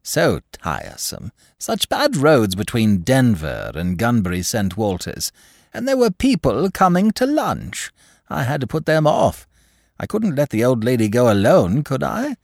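A man voicing a chatty, gossipy elderly duchess who changes subjects in quick asides. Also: medium pitch, huge pitch swings, gravelly, dry recording, studio quality, pitched above the performer's own voice, exaggerated voice.

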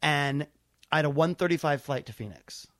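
An American man talks in a casual storytelling flow, with a voice that sits a little high for a man. He retells conversations by quoting each side in turn. The sound is dry, with very little room around it. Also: normal speed, no echo. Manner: animated retelling with quoted dialogue. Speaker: stand-up comedian.

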